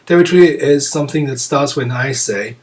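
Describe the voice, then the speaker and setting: A man giving a reflective Zen teaching talk to students, musing aloud with many pauses and soft chuckles. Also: mid-range voice. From France. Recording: voice picked up from a distance.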